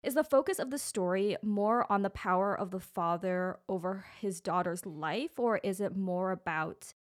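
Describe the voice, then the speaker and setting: A woman hosts a podcast interview and asks questions in a measured, thoughtful way. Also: mid-range voice. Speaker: podcast host.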